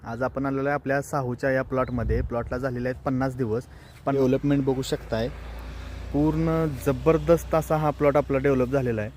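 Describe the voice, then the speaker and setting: A man's voice: medium pitch, steady tone, brisk, darkish tone, a little hiss or hum. A man hosting a farming vlog, walking through a tomato field and explaining plainly to fellow farmers. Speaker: farming channel host. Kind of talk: casual field walkthrough vlog.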